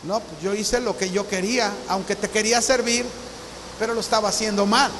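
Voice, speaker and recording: A man's voice: sits high, steady tone, fairly quick, fairly bright tone. A man around sixty, preaching a sermon as a visiting pastor in an earnest storytelling manner. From Mexico. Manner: earnest storytelling, acts out remembered dialogue. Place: church hall. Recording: reverberant hall with faint hiss.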